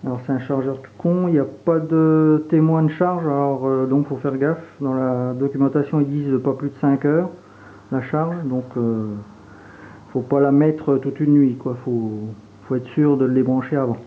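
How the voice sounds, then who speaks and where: A man from Franche-Comté, an airsoft reviewer with a regional French accent, casually unboxes and demos gear in a mid-range voice at normal speed. He sounds relaxed and hesitant, using many fillers as he handles things, and the audio is tinny and phone-like with faint hiss.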